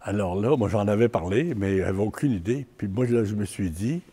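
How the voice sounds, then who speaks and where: Older man, Québécois accent, community talk; stop-start, repeats himself, warm low-key timbre. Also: lively intonation, husky. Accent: Québécois French. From Quebec. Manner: halting, repeats words, plain-spoken. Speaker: community organizer giving a talk. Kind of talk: public talk with personal stories.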